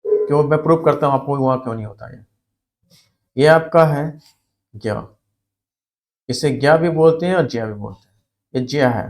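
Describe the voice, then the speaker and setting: A man's voice: mid-range voice, moderate pace, pauses often. A man teaching a spelling and grammar lesson for exam students, explaining step by step and repeating words for emphasis.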